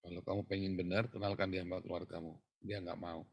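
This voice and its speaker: Male pastor, husky, dry close sound, chatty sermon storyteller with sudden loud stresses. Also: low-pitched, little pitch movement, fast talker, no room sound. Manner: conversational storytelling, swings from quiet to loud emphasis.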